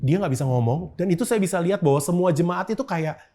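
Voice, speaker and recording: A man's voice: high-pitched, quick pace, warm tone. A man, a guest in an interview, telling a personal story in casual chat, with frequent filler words. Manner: storytelling with frequent 'gitu' fillers and acted-out quotes.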